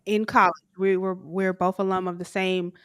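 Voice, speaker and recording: A woman's voice: on the low side, flat delivery, moderate pace, a bit bright, clear, resonant tone, no echo, clean studio sound. A woman co-host on a live video podcast, asking curious, rambling questions. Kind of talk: casual interview. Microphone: video call.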